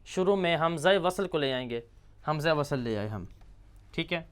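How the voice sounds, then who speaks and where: A man teaching a grammar lesson, slowly reciting verb forms and asking and answering his own questions. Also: a little high, lively intonation, clean tone. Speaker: teacher of Arabic morphology.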